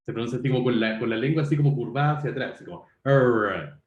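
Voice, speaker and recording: A man's voice: medium pitch, steady tone, rapid-fire, a little mellow, echoey room, dull audio, a little hiss or hum. A man giving an online university lecture, talking conversationally to students and correcting himself as he goes. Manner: conversational, self-correcting, addresses students directly.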